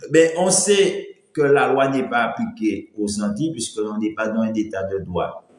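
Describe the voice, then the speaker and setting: A man's voice: on the low side, normal speed. A man talks in a loose, rambling way on his live stream, with a light voice that breaks when he strains it. The sound echoes around the room. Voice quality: voice thin and cracks when pushed. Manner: rambling, greets viewers by name, mixes in Creole. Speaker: livestream host. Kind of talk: casual live-stream talk.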